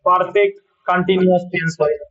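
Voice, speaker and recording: Man, Bengali accent, grammar teacher, checks understanding often, somewhat high voice, dull lo-fi sound. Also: fairly even intonation, fast, fairly bright tone. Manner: patient, repeats points and checks understanding. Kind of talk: classroom lesson, explaining sentence corrections.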